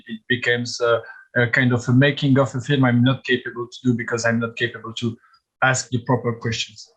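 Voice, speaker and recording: Halting soft-spoken man, flat delivery. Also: mid-range voice, low-quality recording. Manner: halting, many restarts and fillers. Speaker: film director. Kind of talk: festival Q&A.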